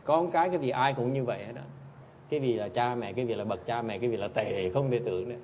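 A man's voice: mid-range voice, quick pace, darkish tone, highs cut off, a little hiss or hum. Blunt teasing man giving a dharma talk. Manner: blunt, teasing, keeps prompting listeners with "Hả?". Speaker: Buddhist teacher answering audience questions.

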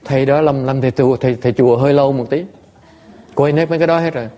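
A man, a Buddhist monk teacher, telling stories to listeners in an animated, laughing way with many stammered repeats. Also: mid-range voice, rapid-fire. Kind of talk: storytelling talk to listeners.

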